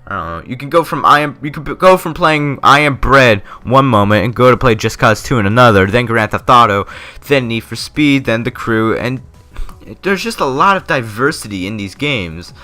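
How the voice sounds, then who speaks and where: Faint music plays behind a gaming video creator as he offers rambling, unscripted opinions, stumbling slightly since his lip is numb from the dentist's Novocaine and his speech is a bit off. His mid-range voice is pushed and bright, with lively intonation at a moderate pace.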